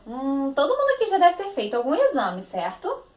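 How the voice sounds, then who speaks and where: Sing-song Brazilian teacher, echoey room. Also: female voice, sits high, huge pitch swings. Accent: Brazilian Portuguese. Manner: sing-song, drawn-out words, affectionate. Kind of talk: phonics lesson for young children.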